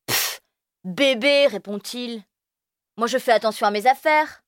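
A woman's voice: high-pitched, sing-song, measured pace, fairly bright tone, no echo, clean studio sound, pitched above the performer's own voice, heavily acted. A woman voicing a bossy, proud older boy who scoffs at the little ones. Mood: scornful. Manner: scoffing, dismissive.

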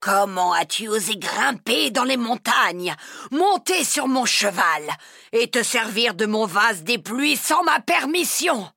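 A woman voicing a powerful male rain dragon in a storybook, speaking in a firm, measured way. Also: on the low side, expressive, a bit bright, slightly rough, dry recording, studio quality, full character voice. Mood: angry.

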